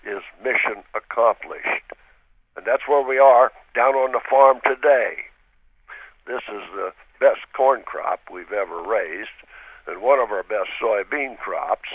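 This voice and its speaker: A man on a telephone line from his farm, reading a steady, earnest radio commentary. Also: fairly low pitch, husky, dry recording. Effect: heard over a telephone line. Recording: tinny, dry phone line.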